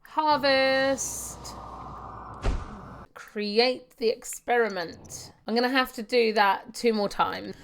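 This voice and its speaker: A woman hosting a gaming video walks through a casual game, chattily narrating her actions step by step, reading pop-ups aloud and sharing tips. Her voice is a little high and she takes it slowly, with background noise.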